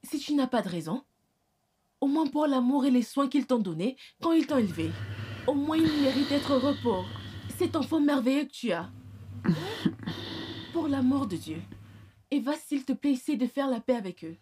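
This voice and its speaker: A woman's voice: high-pitched, animated, normal speed, pauses often, slight background noise. An actress in a French film dub playing a caring older aunt figure who soothes and advises a young mother. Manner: soothing, repeats reassurances softly.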